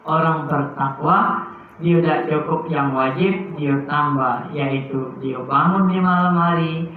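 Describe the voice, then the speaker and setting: A high-voiced man preaches a sermon full of feeling. He drops to soft tones, then pushes out loud, emphatic lines. The sound is thin and phone-like in a strongly echoing room. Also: steady tone, slow pace, a little hiss or hum. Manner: emotive, swings from soft to loud emphatic bursts. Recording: very echoey, phone-like muffled sound.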